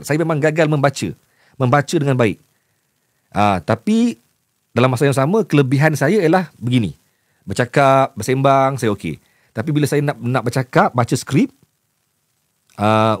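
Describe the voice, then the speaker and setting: A chatty Malaysian man talking straight to camera, his words catching and repeating in a noticeable stutter. The recording is dry and close, with no room around him. His pitch sits mid-range for a man as he talks openly. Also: lively intonation, moderate pace, no room sound. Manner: chatty, candid, mixes in English words. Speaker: news journalist and voice-over producer. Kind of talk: casual talk to camera.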